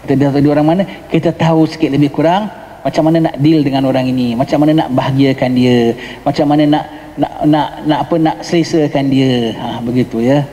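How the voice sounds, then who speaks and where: A man's voice: mid-range voice, steady tone, quick pace, dark tone. Johor Malay man teaching in an echoey mosque. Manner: explains patiently, mixes in English words, asks the listeners "ha?". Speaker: religious teacher. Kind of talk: mosque lecture on a religious text. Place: mosque hall. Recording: long hall reverb.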